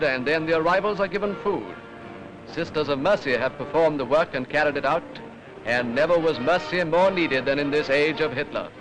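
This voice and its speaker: Old newsreel commentator, male, formal and grave, slightly high voice, music bed behind. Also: poor audio. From Britain. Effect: old newsreel recording. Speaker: newsreel narrator.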